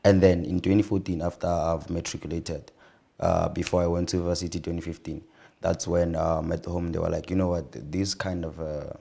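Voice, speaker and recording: Deep-voiced young South African man. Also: a little fast, creaky, breathy edge. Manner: relaxed, laughs often, repeats words. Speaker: actor guest. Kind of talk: casual interview chat.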